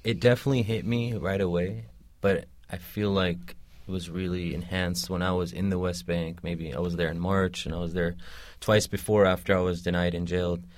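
A young man, a podcast guest, talking haltingly in a casual discussion with many restarts and fillers. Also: low-pitched, little pitch movement, no room sound. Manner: hesitant, restarting, lots of "like".

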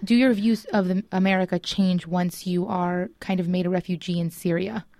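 A woman's voice: on the low side, steady tone, moderate pace, mellow, no room sound, studio quality. A woman hosting a radio interview, asking questions in an attentive, conversational way.

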